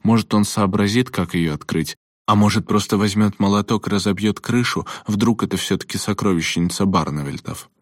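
A man's voice: on the low side, brisk, few pauses, no echo, studio quality, pitched above the performer's own voice, close to an everyday voice. A man voicing a cautious, nervous young boy who reasons things through anxiously. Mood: insistent.

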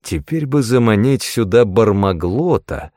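Brief: male narrator doing an eager, cheerful young wizard, low voice, lively intonation. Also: unhurried, no echo, studio quality. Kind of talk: audiobook character voice.

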